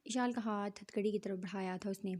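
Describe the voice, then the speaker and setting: A woman reads a dramatic novel aloud, voicing each part herself. Her delivery stays flat and even, and her tone is soft and mellow. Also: mid-range voice, brisk. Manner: reads all parts herself, dramatic dialogue. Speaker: narrator. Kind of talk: audiobook novel reading.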